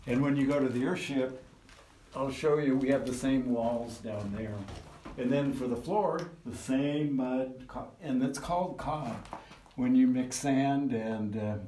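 On a walking tour, a community member casually and practically explains a small earth house in a relaxed, hands-on manner. His medium-pitched voice comes through a poor-quality field recording that's distant, echoey and noisy.

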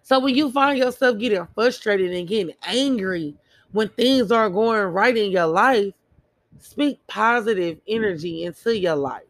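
A woman's voice: mid-range voice, lively intonation, unhurried, no room sound. A woman giving a casual motivational monologue in an earnest, emphatic way, repeating phrases for emphasis. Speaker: motivational speaker.

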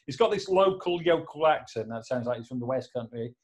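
Joking English podcast host, rambling. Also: male voice, mid-range voice, lively intonation, a little fast. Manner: rambling, joking, lots of fillers. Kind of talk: casual podcast chat. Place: home office. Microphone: laptop.

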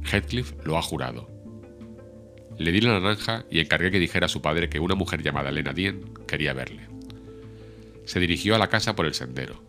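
Very deep-voiced male audiobook narrator. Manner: measured, expressive storytelling.

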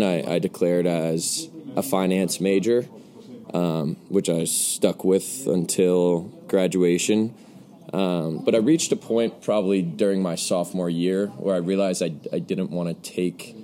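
A man's voice: low voice, warm tone. A man in his early twenties talking casually as a podcast guest. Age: early 20s. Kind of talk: casual chat. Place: outdoors under a canopy by a pool.

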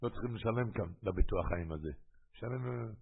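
A man's voice: fairly low pitch, gravelly, husky. A man, a rabbi, telling stories in a sermon and acting out the people he quotes. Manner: lively storyteller who acts out the quoted speakers. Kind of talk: storytelling sermon. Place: synagogue hall. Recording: tinny phone-like line.

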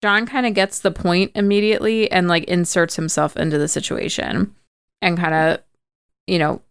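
A woman's voice: on the low side, steady tone, moderate pace, clean tone, no room sound, studio quality. A woman podcast host casually retelling a movie plot, chatty and full of "like" and "kinda".

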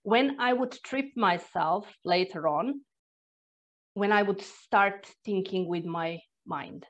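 A Croatian woman speaking accented, non-native English shares personal stories in conversation as a guest energy therapist. Her mid-range voice moves slowly, reflective and earnest, with sighs and restarts. The audio is dull and lo-fi.

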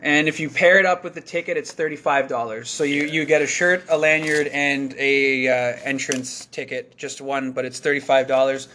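A man co-hosting an event live stream in casual chat, joking with quick asides and slightly losing his voice. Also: mid-range voice, steady tone, sharp tone, slight background noise. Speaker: event co-host.

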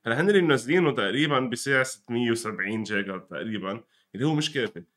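A young man with a Lebanese Arabic accent chats casually about gaming news as a commentator and guest, sprinkling in English gaming terms. His mid-range voice is fairly bright, expressive and rapid-fire.

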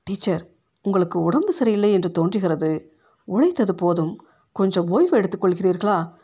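A woman voicing a smiling school headmistress who talks in a brisk, politely concerned way. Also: mid-range voice, expressive, warm tone, breathy edge.

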